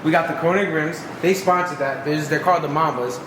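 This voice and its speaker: A man's voice: on the high side, quick pace. A man hosting a casual vlog, slangy and enthusiastic, swearing now and then. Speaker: vlog host. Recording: echoey, very noisy vehicle surroundings.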